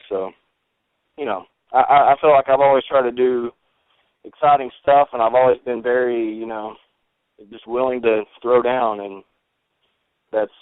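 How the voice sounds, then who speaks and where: A man in his late twenties talking casually and earnestly in an interview as a fighter and coach, haltingly, repeating words and often saying "you know". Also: medium pitch, clear, resonant tone, no room sound. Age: 20s. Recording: thin, phone-like radio or phone line.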